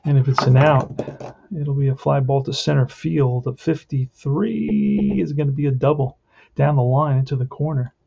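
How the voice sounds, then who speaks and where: A man with a medium-pitched, slightly mellow voice and some vocal fry, speaking at a normal speed, narrates his own tabletop baseball game indoors, thinking aloud in casual play-by-play. Faint music plays behind him, and the muffled lo-fi audio has faint noise with clicks.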